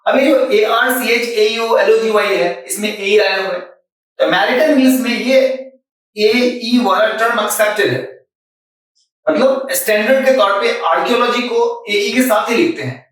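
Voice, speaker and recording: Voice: mid-range voice, measured pace, a bit bright, heavy reverb, distant mic, rough recording. A Hindi-speaking teacher explains English spelling rules, spelling words out letter by letter and mixing in English terms. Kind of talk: spelling lesson.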